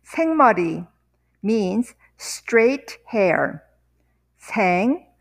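A woman teaching vocabulary, saying each word slowly and deliberately, repeating words and sentences one piece at a time. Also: medium pitch, big pitch swings. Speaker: language teacher. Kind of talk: vocabulary lesson with repetition.

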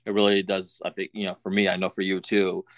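A man co-hosting a podcast in casual chat, talking in a rambling, halting way with frequent restarts. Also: sits low, monotone, a bit bright, dry recording. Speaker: podcast co-host.

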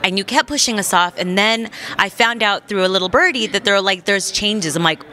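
A woman's voice: medium pitch, a little fast, bright, forceful tone. A woman hosting a boxing podcast, chatting in a bubbly, emotional way and swearing casually. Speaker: podcast host. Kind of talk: casual interview chat.

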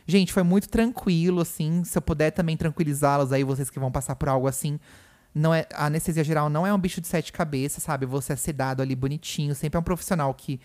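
Um homem com sotaque brasileiro, co-apresentador de podcast, conversando de forma casual num quarto de hospital e contando tudo com emoção. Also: male voice, on the high side, quick pace, a little mellow. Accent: Brazilian Portuguese. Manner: chatty, emotional storytelling full of "né" and "gente". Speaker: podcast co-host. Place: hospital room.

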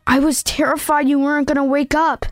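A woman's voice: high voice, level tone, a little fast, no room sound, lightly acted. A woman voicing a young boy who is earnest and protective of his sister. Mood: concerned. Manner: earnest, concerned.

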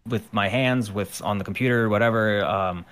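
His voice is on the low side, smooth and a bit bright, at a moderate pace. The speaker is a Ukrainian animator and musician appearing as a podcast guest, casually discussing his art career in a rambling way full of fillers and restarts.

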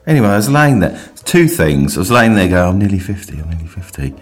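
A man in his late forties with a very low voice that swings widely in pitch as he co-hosts a casual podcast. He fires off teasing, playful questions. Faint music sits underneath. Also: big pitch swings, quick pace. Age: 40s. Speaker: podcast co-host. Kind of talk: casual chat, live-streamed.

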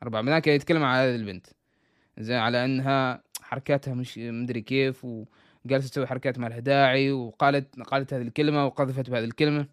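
A man rattles through a casual story at a quick clip. His voice is smooth and clear, and the recording is close and dry with no room sound. He restarts his sentences often and slips English words into his speech. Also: mid-range voice, fairly even intonation, no echo.

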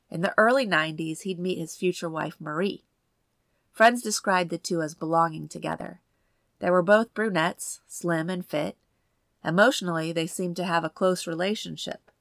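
A woman hosting a true crime show, reading a scripted story in a measured, suspenseful storytelling manner. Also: fairly low pitch, gravelly, no echo, clean studio sound. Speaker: true crime podcast host and narrator.

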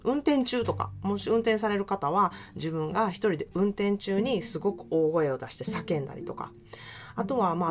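Kansai woman musing softly over music. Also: on the low side. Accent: Kansai Japanese. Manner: soft, reflective, many fillers. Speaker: podcast host and self-care consultant. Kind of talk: solo podcast talk. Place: California.

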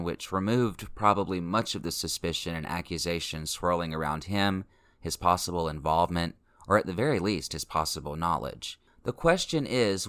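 A man narrating a podcast in a measured, explanatory way. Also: fairly low pitch, fairly bright tone, clear, resonant tone. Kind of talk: scripted narration.

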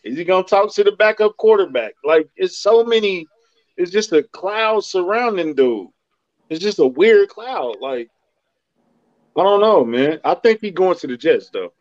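A man's voice: high-pitched, lively intonation, normal speed, no echo, lo-fi sound. A man co-hosting a sports podcast, talking blunt and slangy in casual chat with jokes. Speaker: podcast co-host.

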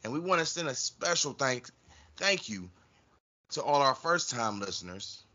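Bright, punchy male podcast host. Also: medium pitch, sing-song, moderate pace, lo-fi sound. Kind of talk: casual podcast talk.

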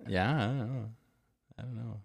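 A man's voice: medium pitch, moderate pace, creaky, no room sound, studio quality. A man co-hosting a podcast in casual chat, joking, rambling and laughing often. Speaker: podcast co-host.

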